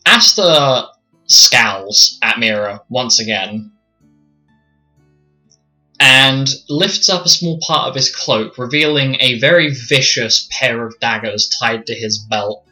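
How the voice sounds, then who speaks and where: A man's voice: mid-range voice, slow pace, pushed and bright, faint music behind, rough recording. A man narrating a tabletop roleplaying game as its game master.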